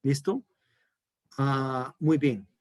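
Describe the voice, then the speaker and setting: A man's voice: medium pitch, drawn-out words, darkish tone, no room sound, studio quality. A man with a Colombian accent, a pastor teaching a theology class, emphatic and checking in with his listeners often. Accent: Colombian Spanish. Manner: emphatic, checks in with frequent "¿listo?". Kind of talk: online class lecture.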